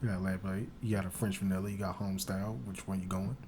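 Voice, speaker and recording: Fast-talking, teasing man. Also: sits low, little pitch movement, darkish tone, a little hiss or hum. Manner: teasing, jokey banter. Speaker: podcast co-host. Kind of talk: casual chat.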